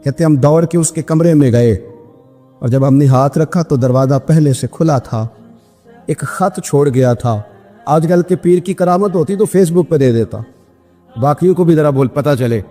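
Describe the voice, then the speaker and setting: A man from Pakistan preaching a storytelling sermon, emphatic, his voice climbing high at emotional peaks. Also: dark tone. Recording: long hall reverb with music behind.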